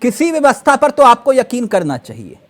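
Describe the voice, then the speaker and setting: A man's voice: extremely high pitch, wildly swooping pitch, normal speed. A man anchoring a heated television debate, interrupting and pressing his guests again and again for answers.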